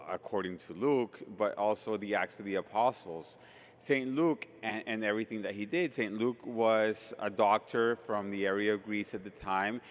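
A man, a priest, proclaims the Gospel and preaches in a measured liturgical way, sometimes restarting his phrases, with a cathedral echo around his voice. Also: lowish voice. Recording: long church reverb.

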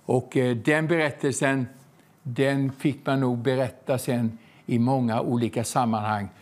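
A man preaching a sermon that tells a story, with slow, emphatic repetitions and frequent hesitant fillers. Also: medium pitch, steady tone, darkish tone.

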